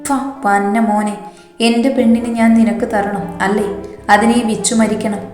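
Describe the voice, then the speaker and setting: A woman's voice: mid-range voice, little pitch movement, moderate pace, a little mellow, close to an everyday voice. A woman voicing a furious young husband defending his wife, coarse-spoken, in a roomy recording with faint music.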